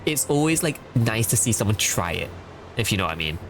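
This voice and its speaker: Chatty male streamer, lively and animated, casual game commentary. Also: lowish voice, fairly quick, music in the background. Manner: chatty, filler-heavy, excitable.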